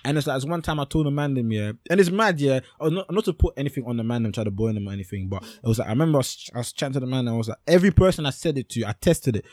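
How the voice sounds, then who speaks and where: A man's voice: medium pitch, lively intonation, very fast, hardly any pauses, darkish tone, dry recording, clean studio sound. A young man with a London roadman accent and street slang, chatting casually and repeating himself animatedly for emphasis. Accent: London roadman, Multicultural London English.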